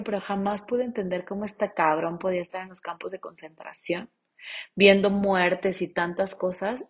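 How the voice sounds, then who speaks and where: A woman with a Mexican accent, in her thirties, giving a casual motivational talk, blunt and profane, swinging between loud urging and hushed pleading. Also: medium pitch, breathy edge. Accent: Mexican Spanish. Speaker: self-help coach.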